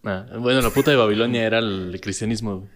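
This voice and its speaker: A man's voice: on the low side, quick pace, over a noisy crowd. Wisecracking Mexican co-host man. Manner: wisecracking, laughs a lot. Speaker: podcast co-host. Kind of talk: casual podcast banter.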